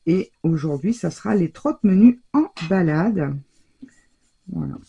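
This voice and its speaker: Chatty french-speaking lady doing a craft tutorial, lots of euh and restarts, soft husky voice. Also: lowish voice, expressive, measured pace. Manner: chatty, rambling, many fillers and self-corrections. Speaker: crafting channel host. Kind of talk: casual crafting tutorial chat.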